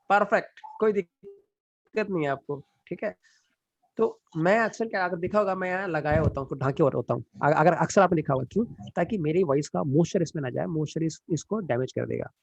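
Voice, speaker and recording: A man's voice: fairly high pitch, highs cut off. A man running a live online class, explaining studio gear casually and checking in often with his students, heard through different mics and at times from far off. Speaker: online teaching trainer. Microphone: USB studio mic and headset mic in turn.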